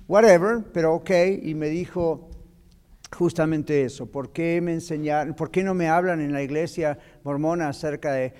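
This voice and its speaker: A man leads a Bible class with a fairly high voice, explaining step by step and dropping in the odd English phrase. His voice rings with a long reverb from a large church hall. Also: moderate pace, a little mellow, clean tone. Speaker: pastor teaching a Bible class. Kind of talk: Bible class teaching with questions from the floor.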